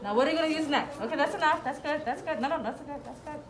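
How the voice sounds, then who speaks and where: High-voiced woman teaching young children. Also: very fast, echoey room. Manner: encouraging, instructing with short repeated prompts and praise. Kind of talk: hands-on classroom science demonstration for children. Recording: classroom with children's chatter around. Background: group of children.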